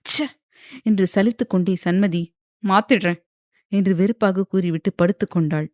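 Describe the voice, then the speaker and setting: A woman narrating a romance novel as an audiobook, with even, steady storytelling. The voice sits in the middle of the range and is recorded close and dry. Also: medium pitch, brisk, no room sound. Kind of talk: scripted narration.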